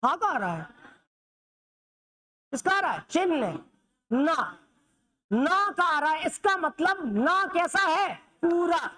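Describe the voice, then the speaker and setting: A woman with a high voice teaches the Hindi alphabet. She asks her students questions, answers them herself, and keeps checking that they follow. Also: animated, slow pace, long pauses, fairly bright tone. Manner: repetitive, checks students' understanding. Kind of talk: classroom lesson on Hindi script.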